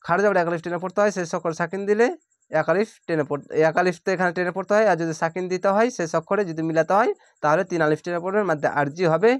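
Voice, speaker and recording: Smooth, dry-voiced man teaching recitation. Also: high voice, dry recording. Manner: explains rules briskly, then recites words very slowly and drawn out. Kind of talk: spelling-out Quran reading lesson.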